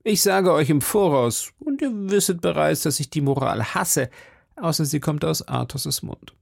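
A man's voice: on the high side, lively intonation, moderate pace, vocal fry, husky, dry recording, clean studio sound, full character voice. Aramis, a man doing a sly mocking musketeer. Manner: mocking, patient, needling. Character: sly witty male musketeer, would-be priest.

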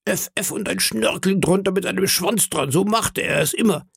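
A man voicing a gloating male pirate crewman who speaks in a slow, drawn-out way, in a storybook reading. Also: high voice, gravelly, fairly bright tone, breathy edge, no echo, clean studio sound, pitched above the performer's own voice, exaggerated voice.

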